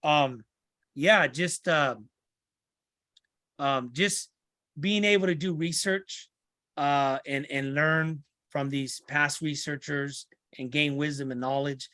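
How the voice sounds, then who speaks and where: An earnest middle-aged man talks through his life story as a podcast guest. His voice sits a bit high, and the dry, close recording has no room sound. He restarts and repeats phrases as he finds his words. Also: slow, bright, forceful tone, no room sound. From Santa Ana, California. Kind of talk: podcast interview conversation.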